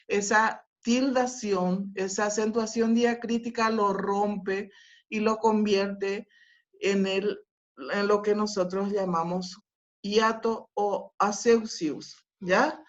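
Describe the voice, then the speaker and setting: A woman teacher giving a patient class over a video call, often checking that her students follow along. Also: medium pitch. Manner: slow, patient explaining with frequent filler sounds and checks. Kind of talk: online class lecture. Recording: dull lo-fi audio.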